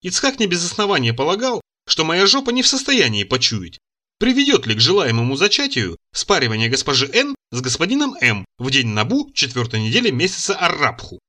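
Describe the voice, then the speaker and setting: A man narrating a satirical story aloud in an expressive audiobook reading. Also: on the high side, brisk.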